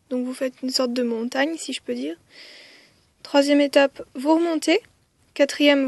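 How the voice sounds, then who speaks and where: This woman's voice is high-pitched and creaky as she teaches a writing lesson step by step, filling gaps with frequent "euh." A language teacher, she counts strokes out loud and whispers some of them softly, recorded without echo.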